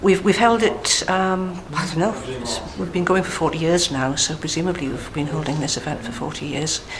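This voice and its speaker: A woman's voice: sits low, normal speed. A woman with a fairly standard English accent, explaining things in an interview as a society official, with hesitant, thoughtful phrasing. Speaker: society vice president, piper. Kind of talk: spoken interview explaining an event. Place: inside a museum at a public gathering. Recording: busy crowd chatter behind.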